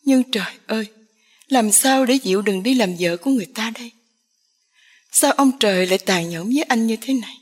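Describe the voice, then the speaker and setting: A woman voicing a poor young village man, agitated and despairing, in a breathy voice. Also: on the high side, a little fast. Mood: anguished.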